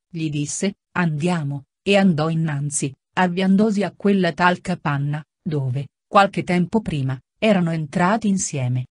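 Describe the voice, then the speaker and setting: A woman narrating an audiobook of a classic novel in a measured, even, literary reading. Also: on the low side, dry recording, studio quality.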